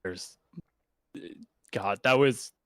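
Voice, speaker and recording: A man with a lowish voice drags out his words while chatting as a stream guest over group voice chat. He often trips into restarts and throws in puns, and the audio is studio quality with no echo.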